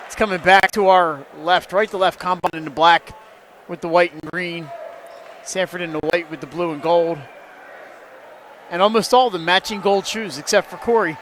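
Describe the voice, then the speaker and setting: A man calls a basketball game play by play in a high, light voice. He is quick and jokey and gets louder on the big plays. A faint murmur of gym noise sits behind him. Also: fairly even intonation. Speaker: play-by-play announcer. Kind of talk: live basketball play-by-play commentary.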